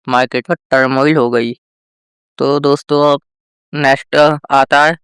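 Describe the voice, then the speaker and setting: Slow, clear-voiced Hindi-speaking male teacher. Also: a little high, no room sound, clean studio sound. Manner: slow, drawn-out example sentences; addresses viewers as friends. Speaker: English teacher. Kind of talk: vocabulary lesson.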